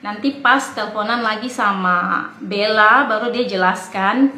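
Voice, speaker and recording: A woman's voice: medium pitch, unhurried, pushed and bright, roomy sound. A woman in her late twenties from Indonesia, chatting casually and rambling in a home vlog, often laughing. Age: 20s. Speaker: vlogger. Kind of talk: casual chat. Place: home in the Netherlands.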